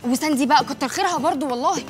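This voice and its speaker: An actress playing a flustered coworker who fibs to cover for a friend, speaking with an Egyptian accent. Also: female voice, high-pitched, very fast, over music, lightly acted. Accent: Egyptian Arabic. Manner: flustered, fibbing.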